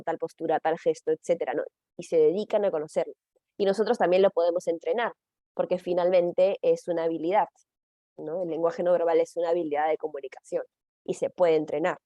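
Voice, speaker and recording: A woman's voice: on the low side, warm tone, no room sound. A middle-aged woman explaining a training session in a conversational way, often checking in with her listeners. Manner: conversational, frequent tag questions and fillers. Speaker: teacher trainer.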